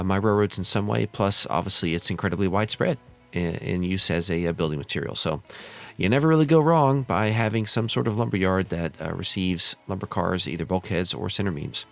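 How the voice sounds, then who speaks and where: An American man hosts a model railroad simulator channel, giving easygoing, casual tutorial commentary. His low-pitched voice is slightly hoarse and stuffed-up from a cold.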